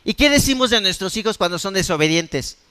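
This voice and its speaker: A Mexican man preaches to his congregation in a high, bright and forceful voice. He keeps it conversational, tossing rhetorical questions at the room. A long reverb trails his voice through the church hall. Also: expressive, fairly quick, clear, resonant tone. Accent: Mexican Spanish. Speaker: pastor. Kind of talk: sermon.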